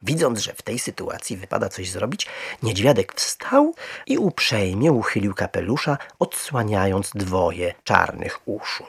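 A man narrating a children's storybook in an expressive, lively way. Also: on the low side, a little slow, vocal fry, slightly rough.

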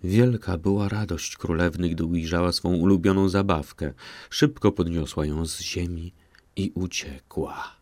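Deep gravelly guy reading fairy tales, super dry close mic. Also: fairly even intonation, a little mellow, no echo. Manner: slow, measured storytelling. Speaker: audiobook narrator. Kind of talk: scripted fairy tale narration.

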